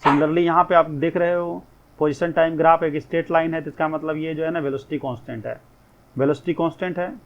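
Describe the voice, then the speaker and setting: A man teaching physics on a dull, lo-fi recording, his fairly high voice gravelly with fry. He walks through each point step by step, asking questions and then answering them himself. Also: fairly even intonation, brisk. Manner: explains step by step, asks and answers his own questions, mixes in English phrases. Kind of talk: recorded classroom lecture.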